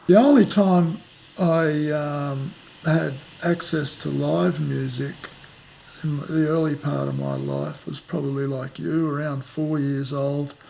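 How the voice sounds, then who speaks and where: A man in his fifties with an Australian accent, talking in an unhurried, reflective way as an interviewee, often trailing into fillers. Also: on the high side, fairly even intonation, gravelly, warm tone, a little hiss or hum. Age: 50s. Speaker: musician interviewee. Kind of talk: casual interview. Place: outdoors at the back of a house, rainy day.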